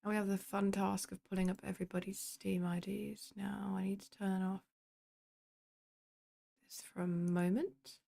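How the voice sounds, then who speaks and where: Gravelly chatty woman streamer. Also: mid-range voice, flat delivery, normal speed, mellow. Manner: chatty, swearing, sarcastic asides. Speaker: streamer organizing a game event. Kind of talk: casual commentary while working on a computer.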